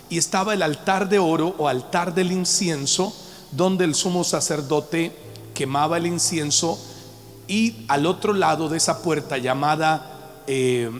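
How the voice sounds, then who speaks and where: A man preaching a Bible teaching to a live congregation, emphatic and calling on the listeners to respond. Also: on the high side. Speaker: pastor teaching a Bible study. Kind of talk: sermon-style Bible teaching. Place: church hall with a live audience. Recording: long hall reverb with faint background music.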